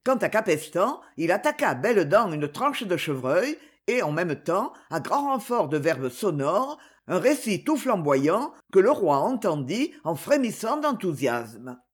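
Woman reading a novel aloud, husky breathy voice, lots of lilt. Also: fairly low pitch, big pitch swings, measured pace, few pauses. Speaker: audiobook reader. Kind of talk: novel narration.

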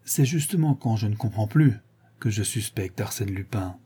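A man's voice: mid-range voice, normal speed, mellow, husky, close to an everyday voice. A man doing a stubborn, proud inspector. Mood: insistent. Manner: insistent, sententious.

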